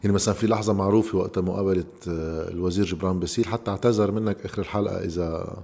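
A man's voice: deep voice, fairly even intonation, racing, creaky, dark tone. A man with a Lebanese Levantine Arabic accent, interviewing a guest casually as a podcast host.

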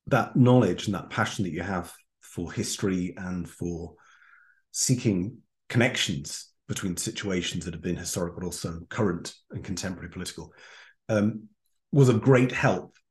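A man's voice: low-pitched, darkish tone. A man hosting an interview, asking long, playful, rambling questions. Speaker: podcast host.

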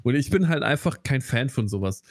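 A man's voice: mid-range voice, expressive, fairly quick, no echo. Rambling man, dry sound. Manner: rambling, many restarts and fillers. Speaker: podcast co-host. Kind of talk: casual film chat.

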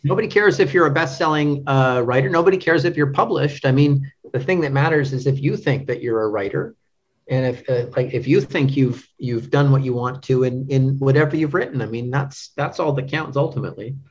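A literary translator appearing as a podcast guest talks in a mid-range voice during a casual interview chat. He's halting, thinks aloud and repeats words, and the recording sounds dull and lo-fi.

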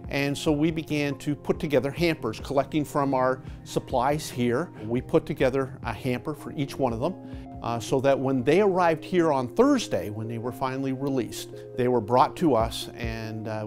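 A man who is a Salvation Army officer recounting in a warm, plain way how his team helped people. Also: mid-range voice. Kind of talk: news interview clip.

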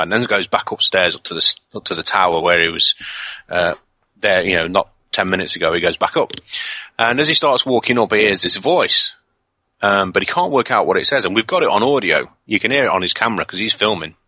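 A man from the UK with a low, bright and forceful voice tells an animated, rambling anecdote in a casual interview, filling gaps with "um" and "uh". His voice comes through as dry, dull, lo-fi audio with no room sound. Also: no room sound. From United Kingdom. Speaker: ghost hunter guest.

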